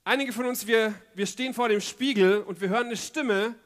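A man preaching a sermon, telling stories earnestly with lively emphasis. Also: sits high, normal speed.

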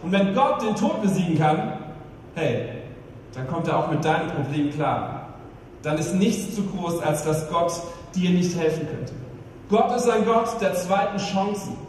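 Male pastor, high voice, emphatic sermon delivery; distant mic, long echo, faint noise. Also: expressive, a little mellow. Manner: emphatic preaching, rhetorical questions, slows down for emphasis. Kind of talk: Easter sermon.

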